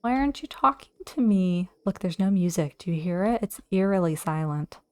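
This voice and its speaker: A woman hosting a let's play, chatting casually to herself as she plays, and easily excited. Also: lowish voice, moderate pace. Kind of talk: casual gameplay commentary.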